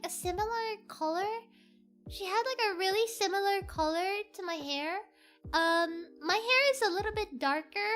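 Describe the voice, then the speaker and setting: A VTuber streamer with a very high voice chats casually on a livestream, telling a story in an excitable, rambling, giggly way while faint music plays in the background.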